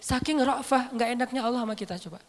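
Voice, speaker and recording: Seorang ustadz pria menyampaikan ceramah agama dengan santai, hidup, dan penuh canda. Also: male voice, very high-pitched, fast talker. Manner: animated, joking, conversational. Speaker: Islamic preacher. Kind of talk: casual religious talk. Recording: roomy hall with long reverb.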